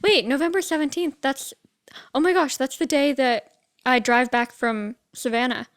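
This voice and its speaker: A woman's voice: high-pitched, steady tone, moderate pace. A young woman co-hosting a podcast in casual chat, talking freely and leaning on "like" a lot. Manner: chatty, leans on "like" a lot. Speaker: podcast co-host.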